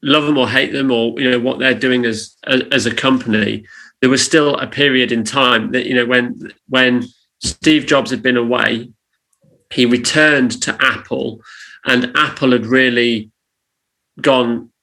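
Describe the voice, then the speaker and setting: A man co-hosting a casual chat, laying out advice in an earnest, emphatic way, like a coach. His voice is bright and forward, pitched at an ordinary middle level. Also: steady tone, a little slow, poor audio. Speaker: podcast co-host on church leadership.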